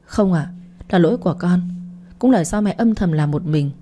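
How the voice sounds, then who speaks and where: A woman's voice: lowish voice, lively intonation, moderate pace, dark tone. A remorseful spoiled daughter, read by a woman. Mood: apologetic. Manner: apologetic, tearful. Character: spoiled young adult daughter, remorseful and tearful. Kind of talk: audiobook reading.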